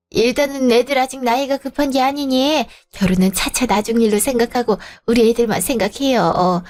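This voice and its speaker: A woman's voice: sits high, lightly acted. A woman voicing a pushy, scheming mother-in-law. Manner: pushy, then groveling. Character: scheming middle-aged mother-in-law, fawning.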